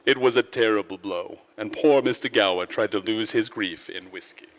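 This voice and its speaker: An actor playing a senior angel narrating a life story, measured and authoritative, in a 1940s radio drama style. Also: male voice, on the low side, fairly bright tone, close to an everyday voice. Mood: calm authority. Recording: reverberant church hall, live stage.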